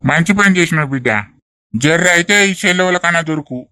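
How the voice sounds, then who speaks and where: A man's voice: fairly high pitch, quick pace, pushed and bright, no echo. A man voicing a pleading old village husband. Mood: plain. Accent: Telangana Telugu. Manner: pleading, coaxing. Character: older village husband, remorseful grandfather. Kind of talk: animated comedy voice acting.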